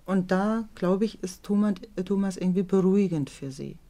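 Speaking with medium pitch and a warm tone, a middle-aged woman shares candid reflections on raising her teenage daughter for a documentary. Her speech is somewhat stop-start, and she often seeks agreement through tag questions.

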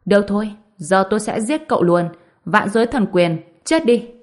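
A woman's voice: mid-range voice, lively intonation, normal speed, a little mellow, close to an everyday voice. A woman voicing an arrogant old male cultivator villain in an audiobook, mocking and threatening. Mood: mocking threat.

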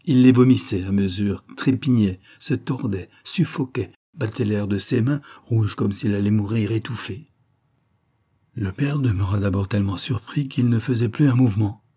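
A man reading a classic short story aloud as an audiobook narrator, in measured, expressive storytelling. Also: on the low side, husky. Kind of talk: scripted narration.

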